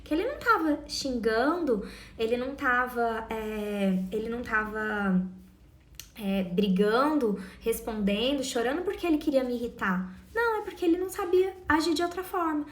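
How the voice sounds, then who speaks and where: A woman's voice: a little high, animated, normal speed. Earnest woman, echoey room. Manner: warm, earnest, addresses listeners directly. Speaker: parenting educator. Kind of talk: casual advice talk to parents.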